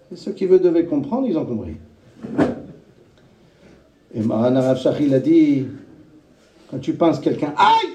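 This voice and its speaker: Man preaching with high chanted calls. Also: dark tone, echoey room, distant mic. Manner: sways between high chanted calls and low murmured asides; chants Hebrew and Aramaic phrases in a sing-song. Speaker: rabbi. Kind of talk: sermon.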